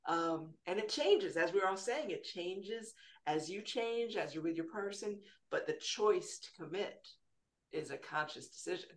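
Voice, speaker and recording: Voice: medium pitch, animated, measured pace. A podcast host who asks the panel questions and explains the brain science of love in a lecturing way.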